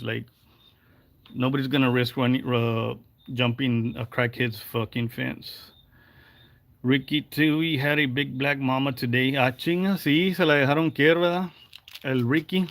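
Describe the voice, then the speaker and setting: A man's voice: medium pitch, steady tone, unhurried, no echo. A man in his forties ranting on a livestream, heated and profane, slipping in Spanish phrases. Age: 40s. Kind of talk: angry livestream rant.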